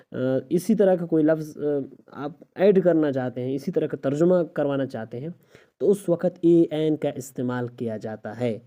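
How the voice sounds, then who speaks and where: A male English teacher delivers a recorded grammar lesson, working through it step by step and posing rhetorical questions to his student. His voice is a little high and mellow.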